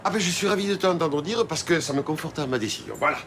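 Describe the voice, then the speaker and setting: A man's voice: fairly high pitch, quick pace, a bit bright, a little hiss or hum. An actor playing a weary bar owner who grumbles and scolds his partner, in a TV soap drama. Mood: angry. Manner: reproachful, exasperated.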